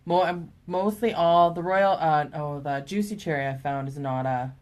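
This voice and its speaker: A woman's voice: deep voice, moderate pace, darkish tone. A woman in a salon chatting casually and reading out viewer questions during a live stream. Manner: easygoing, reads out viewer questions. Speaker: assistant reading viewer comments. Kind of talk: casual chat. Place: nail salon.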